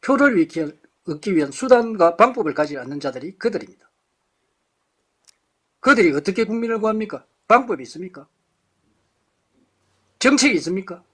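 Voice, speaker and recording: A man's voice: high-pitched, very animated, fairly quick, long pauses, a bit bright, slightly rough. A man giving an impassioned political lecture to a live audience, firing off rhetorical questions and blunt insults.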